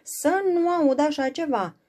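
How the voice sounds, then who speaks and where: A woman's voice: sits high, lively intonation, dark tone, pitched above the performer's own voice. A woman doing a protective older father. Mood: firm. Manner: firm and protective. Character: loving, firm older father, a merchant.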